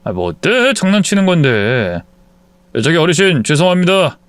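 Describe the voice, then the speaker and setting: A man's voice: on the high side, very animated, normal speed, clean tone, dry recording. A pushy young man teases and wheedles in a casual, everyday voice, as a male narrator puts him on. The sound is dry and close. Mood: teasing. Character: young man, smug lover.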